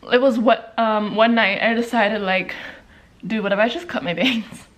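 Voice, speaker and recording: A woman's voice: a little high, steady tone, normal speed. A young woman vlogging at home, chatting casually to camera between bites of a sandwich, rambling with lots of likes and restarts. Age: young adult. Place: at home indoors by a window.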